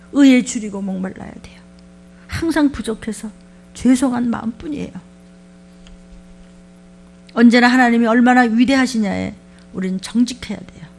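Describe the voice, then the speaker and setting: A woman pastor giving a sermon, talking to her congregation in a lively, conversational way and asking them many questions. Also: on the high side, vocal fry, slight background noise.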